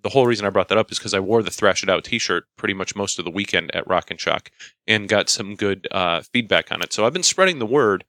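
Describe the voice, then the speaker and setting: A man's voice: lowish voice, expressive, fast talker, sharp tone, no room sound. A man co-hosting a podcast, telling anecdotes in casual chat. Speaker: podcast co-host.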